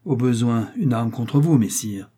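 A man's voice: medium pitch, animated, a little slow, warm tone, breathy edge. A man reading an old novel aloud, voicing a cunning, ironic male servant who plots against his master. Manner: mocking, insistent. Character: scheming sly male servant, ironic and bold.

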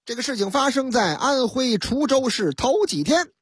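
Husky woman telling a comic radio story. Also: sits high, no echo, clean studio sound. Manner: lively, drawn-out storyteller phrasing. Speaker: radio host.

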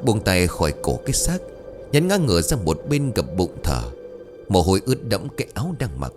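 Guy reading a ghost story, deep-ish voice, dramatic, soft music underneath. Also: big pitch swings, a little fast.

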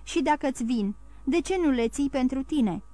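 A man's voice: very high voice, dark tone, no echo. A woman voicing a nervous, greedy middle-aged male innkeeper who sounds anxious and pleading.

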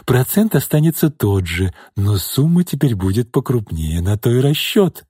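A man's voice: sing-song, moderate pace, warm tone, breathy edge, dry recording, studio quality. A sneering, menacing pimp, read by a man. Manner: sneering, mocking, low menacing threats. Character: menacing smug middle-aged pimp and thug.

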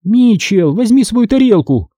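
A man's voice: extremely high pitch, very animated, normal speed, dark tone, breathy edge, no echo, studio quality, pitched above the performer's own voice, full character voice. Man voicing a scolding, impatient mother.

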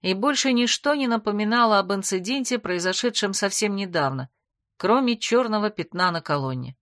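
A woman reading a fantasy audiobook in the first person, expressive and measured, with a mid-pitched voice. The recording is dry and close to the mic, with no room sound. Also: dry recording. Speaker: audiobook narrator.

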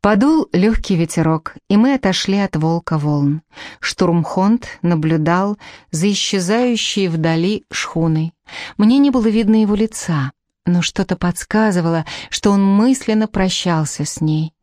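A woman narrating a fantasy novel in the first person, in a measured storytelling manner. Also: lowish voice, a little mellow, no echo, clean studio sound. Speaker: audiobook narrator.

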